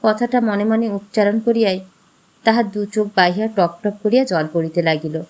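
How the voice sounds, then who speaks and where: A woman storyteller giving an expressive, measured scripted narration of a classic short story. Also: medium pitch.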